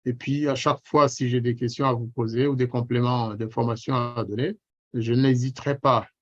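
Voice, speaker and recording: A man's voice: medium pitch, steady tone, moderate pace. A man hosting a radio interview, speaking formally and welcoming his guest, with frequent fillers. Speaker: radio host. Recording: dull, lo-fi sound.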